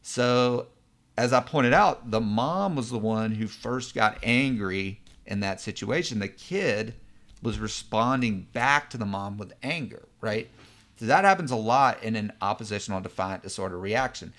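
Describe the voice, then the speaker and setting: A man with a lowish, bright and forceful voice, explaining things the way a psychologist teaches a class. He talks conversationally, with loose fillers and frequent checks that the listener is following. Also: animated, unhurried. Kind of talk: explanatory lesson.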